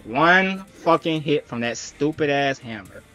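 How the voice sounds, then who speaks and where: Young guy gaming, swears a lot, fed up, bright voice swinging up n down, music behind. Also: on the high side, animated, a little slow. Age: young adult. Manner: profane, exasperated, reactive. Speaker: gaming streamer. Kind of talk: live gameplay commentary. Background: game music.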